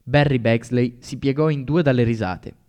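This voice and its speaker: A man's voice: medium pitch, moderate pace, darkish tone. A man narrating a story in the first person, audiobook style, with a wry, dry humor.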